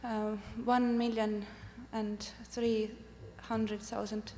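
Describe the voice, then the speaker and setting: An Estonian woman, a native speaker of Estonian, presents her art research at a summit conference. Her voice is slightly high and warm with a flat delivery, and she speaks carefully and haltingly, pausing often with "uh" fillers. The recording comes from an echoey hall with a faint hum.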